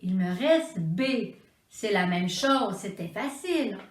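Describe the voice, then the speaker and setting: A woman with a Quebec French accent teaching preschoolers, sounding out syllables slowly and clearly in a sing-song way. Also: mid-range voice, animated, noisy background. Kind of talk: slow, deliberate teaching for young children. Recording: echoey room.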